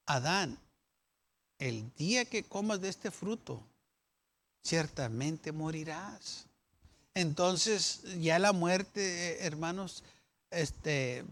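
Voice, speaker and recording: A man's voice: high voice, a bit bright. A man preaching a sermon as a pastor, arguing through questions and acting out the complaining people's voices. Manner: acts out the doubting people's voices with questions and rebuttals.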